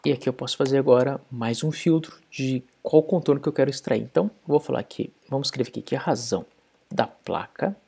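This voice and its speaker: A man's voice: medium pitch, fast talker, creaky, warm tone, breathy edge. A man explaining code step by step in a programming tutorial screencast. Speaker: programming instructor.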